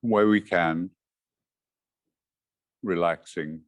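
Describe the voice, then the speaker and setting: A man with a low voice and fairly even intonation leads a meditation, speaking very slowly and gently in short, measured phrases with space in between. He is a meditation teacher, and the dry audio has no echo.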